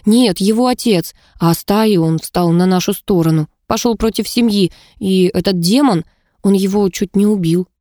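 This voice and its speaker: A woman's voice: mid-range voice, normal speed, dark tone, no echo, studio quality, natural voice. A woman reading an audiobook, voicing an anxious, impulsive young heroine who pleads urgently. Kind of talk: audiobook narration.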